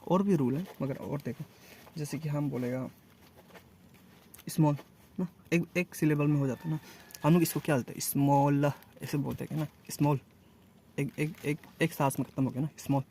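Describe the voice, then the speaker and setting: A man teaching a casual grammar lesson, asking and answering his own questions and repeating words slowly. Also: a little high, dark tone, slight background noise.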